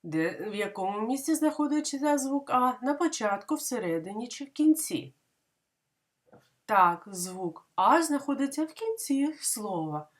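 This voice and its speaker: Woman teaching little kids their letters, slow and patient, voice goes up and down a lot. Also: fairly high pitch, sing-song. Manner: slow, clear, patient explaining with questions. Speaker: kindergarten teacher. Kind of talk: literacy lesson for young children.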